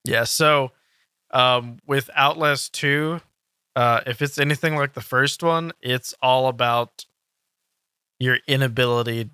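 Bright, clear-voiced male podcast host. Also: medium pitch, no room sound, studio quality. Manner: filler-heavy, halting delivery with frequent "um". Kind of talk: casual gaming podcast chat.

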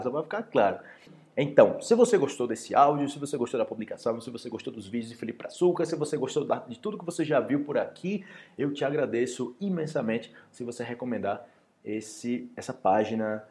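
A Brazilian man with a mid-range voice and a Brazilian Portuguese accent gives a casual language lesson on a podcast, bringing example phrases to life by acting them out.

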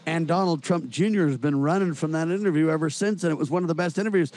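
A man's voice: on the high side, fast talker, a little mellow. A man appearing as a guest on a political talk show, talking bluntly and cracking jokes. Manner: blunt, wisecracking. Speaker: guest host of another show.

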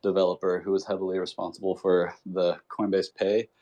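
A man speaking as a guest in a casual interview, relaxed and rambling, with many filler words. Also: sits low, brisk, lo-fi sound. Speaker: guest, project cofounder.

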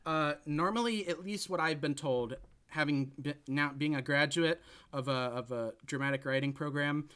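A man's voice: fairly high pitch, moderate pace, fairly bright tone, clean tone. A young man casually recapping a movie on a podcast, rambling with fillers and asides. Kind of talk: casual chat.

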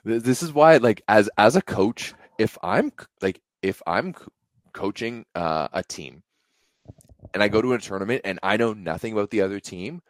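A young man co-hosting a sports podcast, talking in a casual, animated way with many fillers and restarts. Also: fairly low pitch, moderate pace, no room sound, studio quality. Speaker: podcast co-host.

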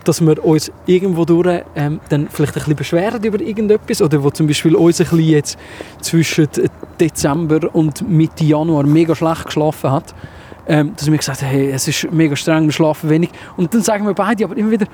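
A man with a Swiss German accent hosting a casual podcast chat on a walk, talking quickly and acting out little quotes. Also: fairly high pitch, slight background noise. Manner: quick, lively, acts out quotes. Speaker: podcast host. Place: outdoors on a walk in town.

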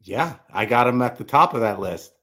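A man's voice: medium pitch, expressive, normal speed, sharp tone. A man co-hosting a podcast, joking and trading sports takes casually. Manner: joking, teasing banter. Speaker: podcast co-host.

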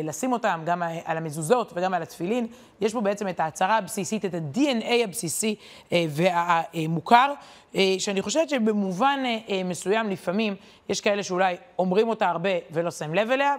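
A female Torah teacher with a mid-level pitch delivers a weekly lesson, talking in an animated, informal way and regularly hesitating with filler words.

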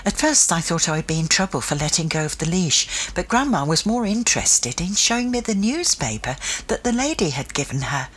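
Woman narrator, breathy low voice, very lively intonation, children's storybook reading. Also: brisk, few pauses. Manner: expressive first-person reading.

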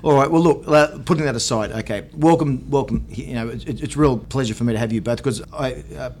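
A man's voice: mid-range voice, brisk, a little hiss or hum. A middle-aged man with an Australian accent hosting a podcast interview, wordy and given to rephrasing himself. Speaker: podcast host. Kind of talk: conversational interviewing.

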